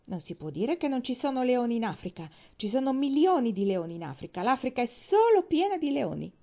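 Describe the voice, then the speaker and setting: Lady reading as a cross little boy, high and loud, defiant, dull lo-fi sound. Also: very animated, brisk. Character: indignant rebellious young boy.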